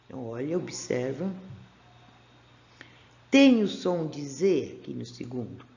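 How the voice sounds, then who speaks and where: Woman, Brazilian Portuguese accent, teacher, patient, slow drawn-out syllables, gravelly voice, echoey dull room sound. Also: very deep voice, big pitch swings, warm tone. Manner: patient, stretches out syllables, asks the class questions. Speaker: primary school teacher. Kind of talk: recorded remote class for first graders. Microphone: camera pointed at a workbook.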